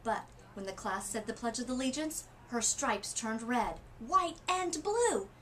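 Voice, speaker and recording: With a voice on the high side, a woman working as a literacy coach reads a kids' storybook aloud, stressing words expressively and pausing for drama. There's a little background noise.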